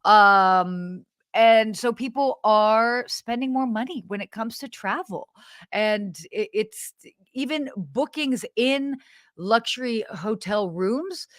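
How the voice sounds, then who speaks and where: A podcast co-host chats casually on a live travel show, bubbly and laughing often, trailing off and restarting her sentences. Her voice is a little high and slow-paced, and the studio sound is clean with no echo.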